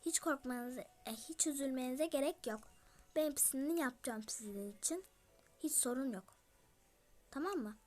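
High-pitched girl chatting through her game, talks right to viewers, whispers bits on the side. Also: normal speed, darkish tone. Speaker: gaming YouTuber. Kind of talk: casual game commentary.

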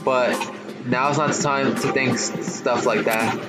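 This man's mid-range voice is steady and a little slow as he reads game text aloud during a casual let's-play stream. Loud game music plays behind him while he trips over words, restarts them, and drops slangy comments.

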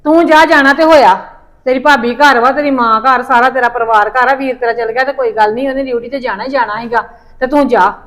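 High-voiced scolding middle-aged woman. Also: fairly even intonation, fast, a bit bright. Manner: scolding, complaining rant. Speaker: mother-in-law in a family drama. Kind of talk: Punjabi family drama acting.

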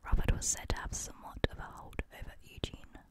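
A young woman narrates a spooky tale as ASMR. Her voice stays in a hushed, breathy whisper, spoken closely into a studio microphone. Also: brisk. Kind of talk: whispered ASMR reading of a creepy story.

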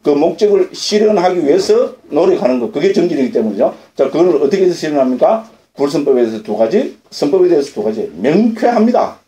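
A man's voice: a little high, animated, fast talker, hardly any pauses, warm tone. A man, a Korean Buddhist monk, giving a dharma lecture, often asking and answering his own questions and checking agreement with short tag questions. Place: lecture hall at a Buddhist center. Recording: roomy lecture-hall audio recording.

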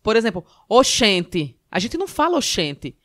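A stand-up comedian from Northeast Brazil, speaking with her region's accent, joins a podcast as a guest and chats casually. Her medium-pitched voice moves a little fast as she tells comic stories with lively animation, acting out the voices of the people in them.

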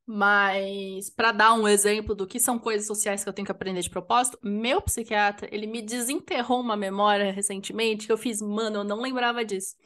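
A woman's voice: medium pitch, steady tone, brisk, few pauses, fairly bright tone. A young adult woman co-hosting a podcast, talking casually and reflectively, thinking aloud with restarts. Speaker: podcast co-host.

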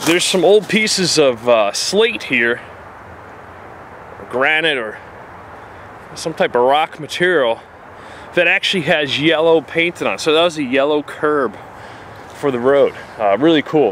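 A man with a fairly high, slightly bright voice talks over a little hiss or hum. As an outdoor explorer vlogger with a New Jersey accent, he wanders the woods and casually describes what he finds to his handheld camera, his plain narration dotted with fillers.

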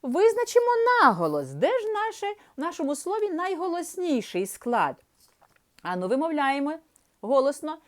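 A woman teaching young children to read, speaking slowly and drawing out each sound in a sing-song way. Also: high-pitched, sing-song. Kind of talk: primary school literacy lesson.

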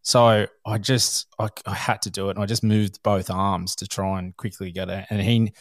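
An Australian man hosting a podcast, telling stories in a casual, animated way and chuckling as he goes. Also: fairly low pitch, moderate pace, dry recording, studio quality. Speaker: podcast host. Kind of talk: casual storytelling chat.

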